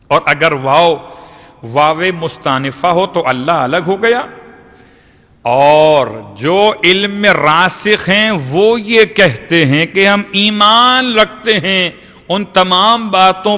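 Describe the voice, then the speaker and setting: Male cleric lecturing, bright and higher-pitched voice, long hall echo. Explanatory and rhetorical, with recited verses. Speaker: Shia cleric giving a majlis lecture. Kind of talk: religious lecture to a congregation.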